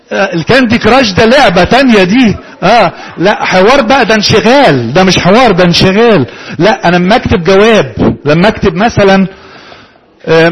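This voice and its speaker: A man with an Egyptian Arabic accent lectures a room, his high voice carrying a husky, breathy grain. He keeps putting questions to his listeners and then answering them himself. The delivery has the steady rhythm of a classroom talk. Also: poor audio. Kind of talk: interactive lecture to a live audience.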